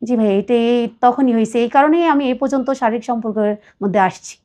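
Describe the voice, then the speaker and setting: High-voiced woman telling a painful story. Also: fairly quick, mellow. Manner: earnest, pleading, quotes others at length. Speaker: guest telling her life story. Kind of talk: emotional personal confession.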